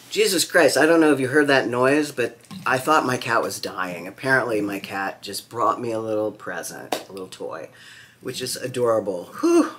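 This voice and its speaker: A man's voice: mid-range voice, moderate pace, a bit bright. A man reviewing knives at home in a casual vlog, wry and campy with chatty asides. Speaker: knife reviewer.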